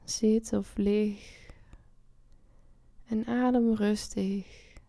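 A woman leading a guided relaxation meditation, speaking softly and soothingly with long pauses and drifting into whispers. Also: mid-range voice, flat delivery, gravelly, no room sound.

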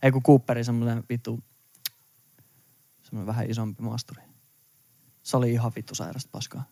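A man's voice: mid-range voice, fairly even intonation, gravelly, dark tone, no room sound, clean studio sound. A young man from Finland, a podcast co-host telling an intense travel story in casual chat, emphatic and swearing.

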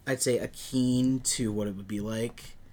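Man co-hosting a casual film podcast, halting delivery. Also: mid-range voice, fairly even intonation, crowd noise. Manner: halting, searching for details.

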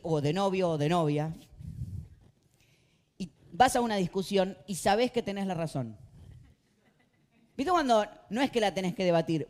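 A male pastor with a Rioplatense Spanish accent, preaching a sermon with passion and swinging between quiet talk and loud outbursts. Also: sits high. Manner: impassioned, swings from quiet to shouting.

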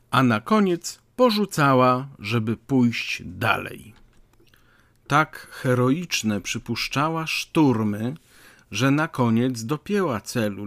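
Man narrating a classic novel, even and wry, dead dry recording. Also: mid-range voice, dry recording. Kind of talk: audiobook narration.

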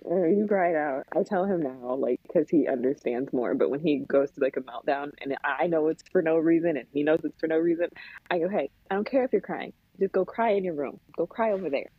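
Woman, guest on call, husky low voice, thin phone-line sound, blunt and exasperated. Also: brisk, dry recording. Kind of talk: casual chat.

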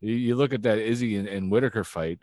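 Deep-voiced, fast-talking male co-host. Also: no echo. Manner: animated, says "you know what I'm saying" often. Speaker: podcast co-host. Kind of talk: casual sports chat.

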